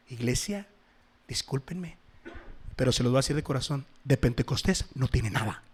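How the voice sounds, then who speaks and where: A man preaching a sermon to his congregation, swinging between loud exhortation and soft asides. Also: mid-range voice, husky. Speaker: pastor.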